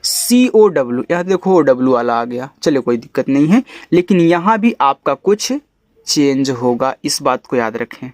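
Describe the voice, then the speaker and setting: A man teaching an English reading lesson, who spells out each letter slowly and then says the whole word lower and softer, checking in with his students. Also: animated, dry recording. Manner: coaxing, checks in with "ठीक है?". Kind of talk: step-by-step phonics lesson.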